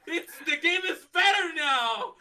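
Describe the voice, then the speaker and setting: Man, panelist, loud teasing shouts, piercing tone, overloaded distorted mic. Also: extremely high pitch, lively intonation, unhurried. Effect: clipping distorted mic from shouting too loud. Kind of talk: casual panel debate.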